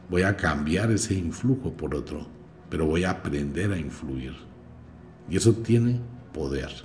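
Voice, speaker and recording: A man teaching a magic course in a podcast lecture, emphatic and swinging between quiet and loud. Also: low-pitched.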